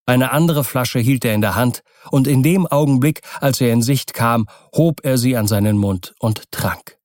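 A man narrating an audiobook in a measured storytelling style, close to the mic. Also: mid-range voice, a little mellow, no room sound. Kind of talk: scripted narration.

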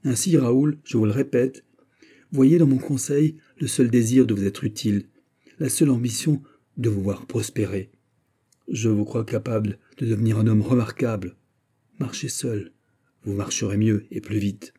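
A grave, fatherly older nobleman speaks in measured, solemn counsel, voiced by a man. The voice sits low and very dark, with a husky grain. It is read as a character in an audiobook.

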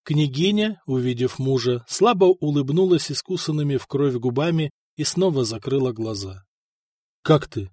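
A man narrating a historical novel in a measured, even storytelling manner. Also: mid-range voice, no echo, clean studio sound. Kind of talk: audiobook narration.

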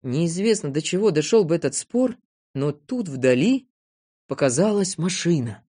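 A woman narrating a children's audiobook with expressive storytelling. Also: low voice, measured pace, breathy edge.

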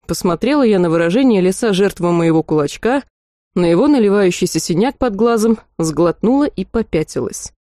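A woman narrating a fantasy audiobook in the first person, in a lively, expressive reading style. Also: mid-range voice, a little fast, dry recording, studio quality.

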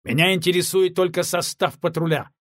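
A man's voice: high-pitched, steady tone, brisk, a bit bright, no room sound, clean studio sound, pitched above the performer's own voice. A man voicing a stern, cold officer who barks curt orders.

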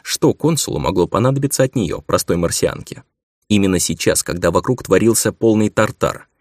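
A man reading a science fiction audiobook in a measured, subdued narration. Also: deep voice, animated, dry recording, studio quality. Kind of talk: scripted narration.

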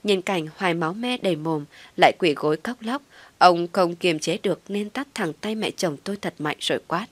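A woman narrating a first-person family drama story in a calm, steady way. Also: on the low side, moderate pace, no echo.

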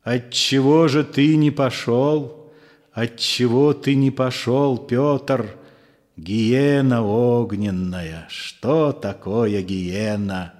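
A man's voice: medium pitch, very slow, darkish tone. A man voicing a bitter, scornful disciple who accuses with fierce passion, in a storybook reading. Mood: mocking. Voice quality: fervent, accusing, sharply mocking. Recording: long room reverb.

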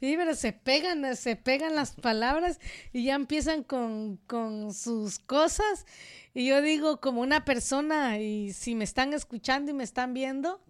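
A woman from Central America with a Central American Spanish accent, co-hosting a casual radio chat and telling stories in an outspoken, animated way. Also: high-pitched, a little slow, clean tone. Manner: outspoken, animated storytelling with asides. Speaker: radio co-host. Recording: studio radio microphone.

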